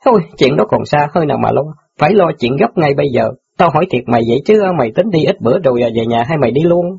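A brash, teasing street newspaper boy, acted by a man in an audiobook drama. He talks fast with a high, lively, husky and gravelly voice. The recording sounds dull and lo-fi. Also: heavily acted.

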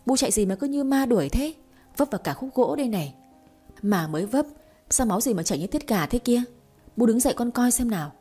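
A feisty young wife full of quick, teasing retorts, as a woman narrator puts her on. Her tone is mellow and a little breathy. Faint music plays behind the storybook reading. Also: medium pitch, expressive. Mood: sassy. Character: feisty young wife, sharp-tongued and scheming.

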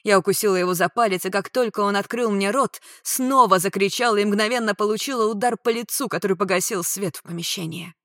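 A woman's voice: mid-range voice, quick pace, hardly any pauses, fairly bright tone, no echo, clean studio sound. A woman narrating a first-person novel as an audiobook, with a tense, dramatic reading. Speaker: audiobook reader.

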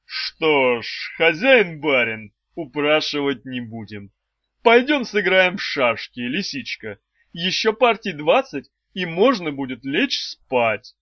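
A man voicing a genteel old male brain-eating shopkeeper, wheezy, slow and sugary-polite. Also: fairly high pitch, very animated, no echo. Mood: unctuous. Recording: dull, slightly lo-fi dry recording.

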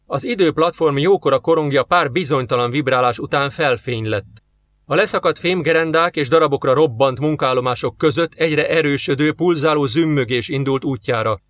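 A man's voice: on the high side, fairly bright tone, no room sound. Man narrating an audiobook, dry close voice. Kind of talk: scripted narration.

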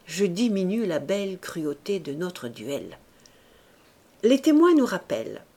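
A woman reading a novel aloud in an expressive, measured way, sometimes dropping to a hushed near-whisper. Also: on the low side. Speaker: audiobook reader.

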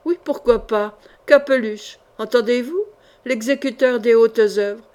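A haughty queen speaks with cold scorn and fierce pride in a fairly high voice, as a woman reading an audiobook puts her on. She sounds proud and passionate, looking down on everyone around her. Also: measured pace, a little mellow, natural voice. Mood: scornful.

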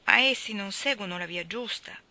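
A woman's voice: mid-range voice, normal speed, sharp tone, no room sound. A woman reading aloud voices a worried widowed mother who laments her sons in an anxious, pleading way. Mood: weary.

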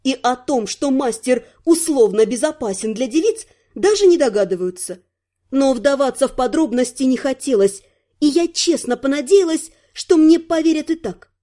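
A woman's voice: high voice, lively intonation, moderate pace, mellow. A woman reading a first-person fantasy novel aloud, narrating expressively. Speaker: audiobook narrator.

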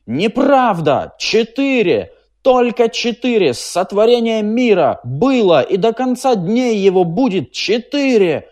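A man voicing a hot-tempered male inventor who shouts defiantly in a hoarse voice. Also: high-pitched, very animated, unhurried, pitched above the performer's own voice. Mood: furious, defiant.

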